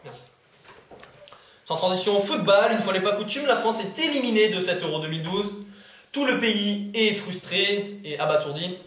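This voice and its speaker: A man's voice: high-pitched, moderate pace, fairly bright tone. A man playing a self-important TV news anchor in a comedy sketch, who stumbles over words and corrects himself. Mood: pompous. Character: pompous bumbling male TV news anchor. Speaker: news presenter. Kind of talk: amateur comedy sketch acting. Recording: echoey room.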